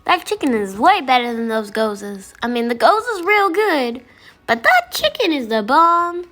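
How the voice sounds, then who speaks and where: A woman doing a casual food-review voiceover, excitable and gushing over the food, with music behind her. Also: sits high, moderate pace.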